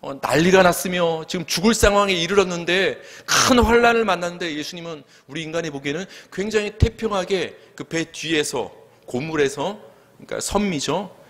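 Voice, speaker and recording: A male pastor giving a sermon, asking the congregation questions and filling pauses with "uh". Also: a little high, lively intonation, a bit bright, long reverb tail. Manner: earnest preaching with rhetorical questions and many "uh" fillers. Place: church sanctuary.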